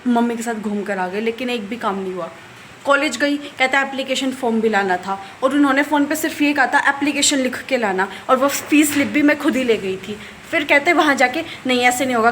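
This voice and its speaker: A young woman talks straight to camera in a casual day-in-my-life vlog. Her voice sits a little high, and she keeps up a chatty flow of complaints about her day's hassles. A faint hum of ambient noise sits under her voice. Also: fairly bright tone, poor audio. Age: young adult. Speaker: vlogger.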